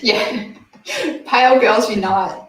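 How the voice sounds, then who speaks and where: On a beauty livestream, a woman in her 20s who hosts the channel talks casually and reads out viewer comments between giggles. She speaks slowly in a higher voice, yet sounds very animated. The recording is roomy, with the mic slightly far away.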